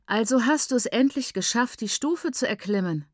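A woman reading an audiobook voices a bitter, sharp-tongued bedridden mother, raising her voice higher and louder. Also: a little fast, no echo, lightly acted. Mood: dry. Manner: dry, pointedly sarcastic. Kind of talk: audiobook character voice.

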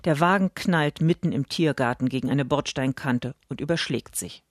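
A woman critic reading a scripted radio book review in a measured way. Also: sits low, dry recording, clean studio sound.

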